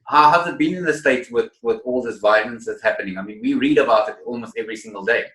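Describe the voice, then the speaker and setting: A man's voice: mid-range voice, quick pace, fairly bright tone. A man hosting an interview, emphatic and repeating his words as he asks questions. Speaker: interview host. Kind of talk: casual interview. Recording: echoey room.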